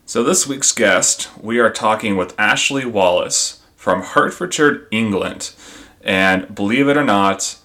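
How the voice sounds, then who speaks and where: A man's voice: on the low side, measured pace, pushed and bright. A man hosting a podcast in an informal, conversational way, speaking to his listeners and guest. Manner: informal, addresses listeners as guys. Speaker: podcast host.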